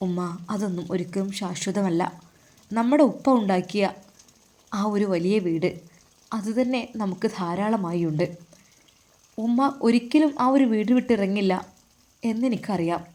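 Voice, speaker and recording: A gentle young man speaks softly and earnestly, comforting and reasoning with his mother in a Malabar Malayalam accent, as a woman reads his part. The voice is mellow and dark in tone, pitched at an ordinary middle height. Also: unhurried, pauses often, close to an everyday voice. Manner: soft, earnest, soothing. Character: young unmarried man, gentle devoted son.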